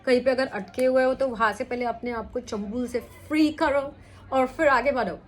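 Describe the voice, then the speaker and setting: Casting: young adult woman, fairly high voice, chatty tarot reader, keeps checking in with the listener. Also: normal speed. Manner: chatty, mixes English into Hindi, repeats "ठीक है?". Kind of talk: weekly horoscope tarot reading.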